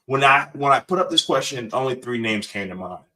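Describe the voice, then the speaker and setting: Man, bright forceful voice, sports podcast host, confident, a bit distant from the mic. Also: mid-range voice, animated, fairly quick. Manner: confident, pushes guests for answers. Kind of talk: casual sports debate.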